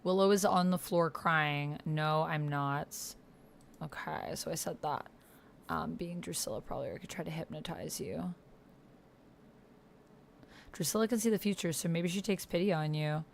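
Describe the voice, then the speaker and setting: A streamer playing a text roleplaying game chats casually, reasoning aloud and speaking her messages as she types. Her deep voice is creaky, at normal speed with frequent pauses, and keyboard typing is noticeable behind her.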